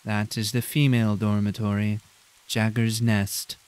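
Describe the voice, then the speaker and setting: A man's voice: clean tone, lightly acted. A man putting on a smug, nasal professor droning along. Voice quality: nasal, high monotone. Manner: cold, slow and drawn-out. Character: smug, condescending male professor giving a tour.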